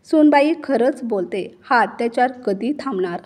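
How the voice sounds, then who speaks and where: A long-suffering mother-in-law finally standing her ground, as a woman reader puts her on, in a fairly high voice. She speaks slowly, weighing each word for dramatic emphasis, in a storybook reading. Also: lively intonation, darkish tone. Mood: anguished. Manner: slow, emphatic dramatic delivery. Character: wronged middle-aged mother-in-law turning defiant.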